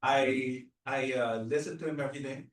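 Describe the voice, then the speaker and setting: A mid-pitched man shares his approach on a discussion panel, often hesitating and restarting his phrases. He is picked up at a distance in a reverberant room. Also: steady tone, moderate pace. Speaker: real estate agent panelist. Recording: echoey room, mic at a distance.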